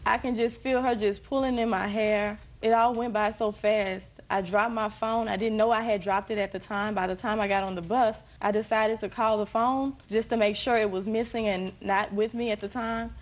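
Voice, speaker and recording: A woman's voice: medium pitch, fairly even intonation, normal speed, few pauses. A young woman giving narrative testimony as a plaintiff in a TV court.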